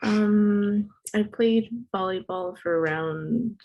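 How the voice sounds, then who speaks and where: A woman's voice: medium pitch, slow, gravelly, darkish tone, dull audio. A young woman student introducing herself to a class in a hesitant way, with fillers. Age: young adult.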